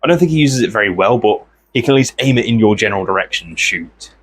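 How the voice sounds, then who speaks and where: Working on his art, a man who hosts an art channel talks in a relaxed, rambling way, wandering between ideas. His voice is on the low side, and he frequently clears his throat.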